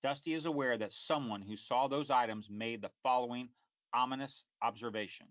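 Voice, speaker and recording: A man's voice: mid-range voice, fairly bright tone, no echo. Male true crime narrator, dry, dull recording. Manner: measured, formal, matter-of-fact reporting. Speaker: podcast host and narrator.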